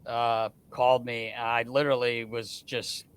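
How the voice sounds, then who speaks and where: A man's voice: mid-range voice, a little slow, clear, resonant tone. A middle-aged man, a guest on a podcast, telling stories in casual chat, acting out what others said with many restarts. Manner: animated storyteller, acts out quoted dialogue, frequent restarts. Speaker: guest, hockey scout.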